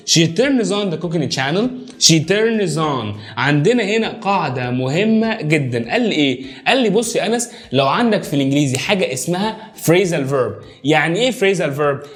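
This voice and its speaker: A man with an Egyptian Arabic accent giving a whiteboard English lesson, energetically drilling phrases by repeating them slowly. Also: fairly high pitch. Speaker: English teacher.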